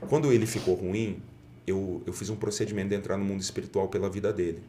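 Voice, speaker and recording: This podcast guest, a middle-aged pastor, talks fast with a low, warm voice and a steady tone as he earnestly recounts his testimony. He frequently performs the dialogue he quotes, and a slight hiss or hum is present.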